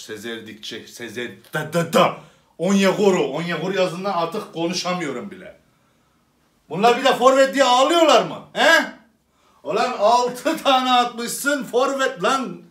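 A hot-tempered club president rants, swinging from syrupy pleading to furious outbursts, as a man puts him on in a comedy sketch. His voice sits high and carries a roomy echo. He sounds set back from the mic. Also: sing-song, normal speed, recorded from a distance. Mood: ranting. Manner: theatrical ranting, swinging from sweet to furious.

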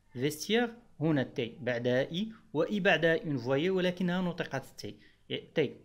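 A man with a slightly higher voice than most men, speaking Arabic as a teacher. He walks through pronunciation rules step by step and repeats every example word slowly and patiently. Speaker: French teacher.

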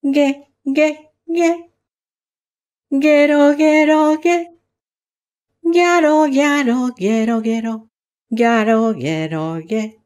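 A woman reading a storybook aloud and voicing an eager, fussy green frog with a raised, croaking voice. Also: on the high side, very animated, normal speed, warm tone.

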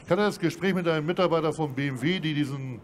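A man speaking as a panelist, making a brisk argumentative point on stage. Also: fairly high pitch, a little hiss or hum. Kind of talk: panel discussion.

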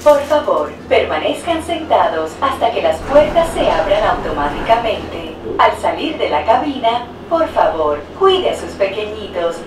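Woman on an echoey onboard loudspeaker. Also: mid-range voice, sing-song, normal speed, few pauses, distant mic, background noise. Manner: bright, cheery tour-guide delivery. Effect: onboard loudspeaker announcement. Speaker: recorded transport announcer. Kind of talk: scripted welcome announcement. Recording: echoey loudspeaker heard from across a cabin, music behind.

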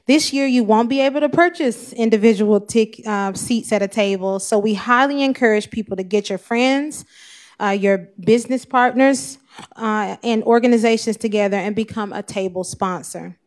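A woman's voice: a little high, a little slow. A woman chairing an event committee, speaking in an upbeat, promotional way at a podium mic in a council chamber. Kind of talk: press conference speech.

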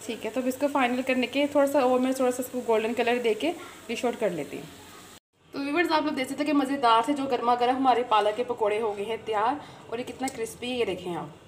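A woman's voice: on the high side, quick pace, slight background noise. Chatty woman hosting a home cooking video. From Pakistan. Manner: chatty, repeats filler phrases, addresses viewers directly. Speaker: cooking channel host. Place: home kitchen.

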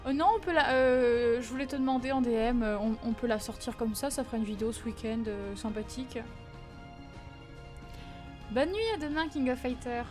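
A woman's voice: on the high side, moderate pace, music in the background. A young woman streaming live, chatting casually with viewers and answering their messages with lots of fillers. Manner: chatty, animated, frequent fillers and laughs.

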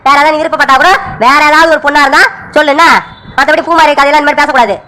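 A strict, scolding father in a cartoon, played by a woman, firing off orders very quickly. The voice sits very high and sounds bright and forceful. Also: fairly even intonation. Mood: stern. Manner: scolding, commanding. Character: stern strict village father. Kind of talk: cartoon voice acting.

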